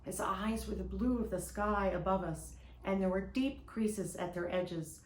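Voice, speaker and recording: A woman gently and expressively reading a children's picture book aloud, with a roomy echo. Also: medium pitch, measured pace, slight background noise.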